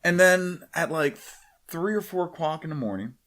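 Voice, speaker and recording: A man's voice: fairly high pitch, animated, moderate pace, fairly bright tone. A young man hosting a podcast in casual banter. He teases, swears freely and cuts into other people's stories. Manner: teasing, profane, jumps into others' stories.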